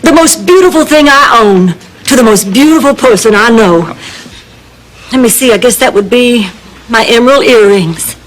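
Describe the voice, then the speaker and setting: Sitcom role: vain middle-aged belle, acted by a woman, theatrical, highish pitch. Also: a little hiss or hum, close to an everyday voice, rough recording. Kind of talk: sitcom acting.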